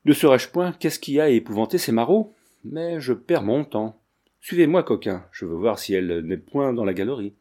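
A man's voice: mid-range voice, lively intonation, moderate pace, warm tone, natural voice. A man reading the part of an angry, imperious middle-aged prince with curt, commanding questions.

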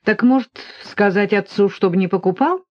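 A woman's voice: mid-range voice, moderate pace, no echo, lo-fi sound, close to an everyday voice. A woman voicing a cheerful, commanding young man with a teasing manner in an audiobook. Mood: mocking. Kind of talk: audiobook reading.

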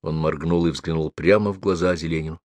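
A man reading a novel aloud in even, measured scripted narration. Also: extremely low pitch, no room sound. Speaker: audiobook narrator.

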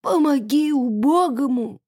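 Woman doing a high, fawning beggar man. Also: animated, darkish tone, dry recording, studio quality. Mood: pleading. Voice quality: whining, drawn-out groveling. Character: fawning grubby male beggar, groveling and wheedling. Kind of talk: audiobook character voice.

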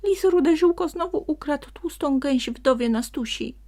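Woman voicing a shrill excitable little elf. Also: measured pace. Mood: alarmed. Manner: shrill, breathless exclamations. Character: small excitable male forest elf.

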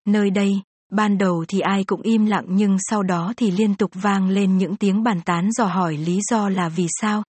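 Woman, audiobook narrator, fantasy novel, steady dramatic reading, husky, dry close sound. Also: mid-range voice, normal speed, dry recording.

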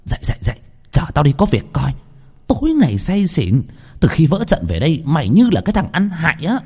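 A man voicing a vicious old woman gang boss who shrieks and curses in a high, strained voice. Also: sing-song, moderate pace, a little mellow, husky, exaggerated voice. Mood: furious.

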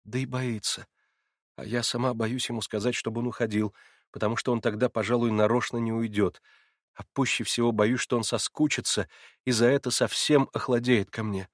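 A man's voice: medium pitch, dry recording, studio quality, pitched above the performer's own voice, natural voice. Man voicing an anxious, tender young woman. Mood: whispering. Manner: hushed, hurried, pleading. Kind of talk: audiobook character voice.

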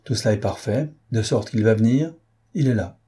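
A man reads a haughty rich prince in an audiobook, a cold schemer who mocks those below him. The voice is low, dark and husky, and its scorn is clipped and cold. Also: moderate pace. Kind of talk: audiobook character voice.

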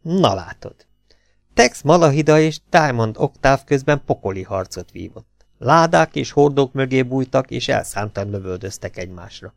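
A man reads a pulp adventure novel aloud in a measured, even manner, at a mid-range pitch. The close mic gives a dry sound with no room around it. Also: gravelly, no echo. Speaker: audiobook narrator. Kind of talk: scripted narration of a pulp novel.

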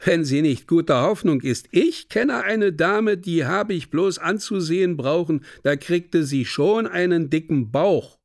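A man's voice: fairly high pitch, sing-song, takes it slowly, gravelly, dry recording, studio quality, voice pushed up, exaggerated voice. A man playing a drunk, coarse young fellow in a radio play, talking in a boisterous, crude, swearing way. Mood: crude, leering.

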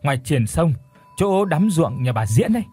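A man's voice: a little high, very animated, normal speed, mellow, breathy edge, dry recording, soft background music. A man voicing a frightened village woman who stammers and trembles as she speaks. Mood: panicked.

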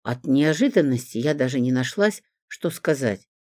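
Deep-voiced woman narrating an audiobook. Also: moderate pace, dry recording, studio quality. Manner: wry, lively first-person telling.

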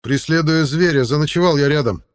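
A man reading an audiobook voices a young Viking captive in a high, tense voice. He sounds strained and defiant under pressure. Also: brisk, close to an everyday voice. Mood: explaining.

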